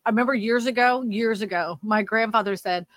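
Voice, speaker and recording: Talking a little fast in a fairly high, fairly bright and slightly nasal voice, this Louisiana woman chats through a livestream on the housing market and reads viewer comments. The recording has no room sound. Her talk is rambling and chatty, full of fillers and restarts.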